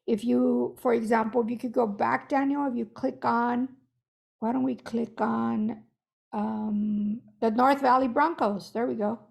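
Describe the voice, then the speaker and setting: A woman's voice: on the high side, fairly even intonation, unhurried, gravelly, darkish tone. A woman who is losing her voice, guiding an online workshop in a chatty, self-correcting way over a video call. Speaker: workshop facilitator.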